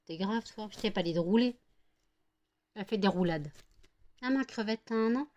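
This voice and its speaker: A woman's voice: medium pitch, normal speed, a little mellow, highs cut off. A French woman vlogging at home, chatting and cooing baby talk to her dogs with playful teasing. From France. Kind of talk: casual chat to her dogs.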